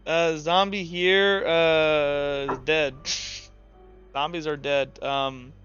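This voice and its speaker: Running a tabletop roleplaying session, this game master rambles casually through rules and scenes and keeps restarting. He speaks very slowly with a flat delivery, in a voice on the high side. Music plays under a dull, lo-fi recording of his voice.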